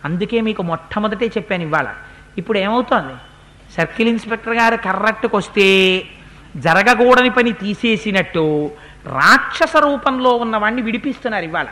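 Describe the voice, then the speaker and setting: A man giving a devotional discourse, retelling an epic with animated narration and slowly chanted verses. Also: sits high. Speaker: religious discourse speaker.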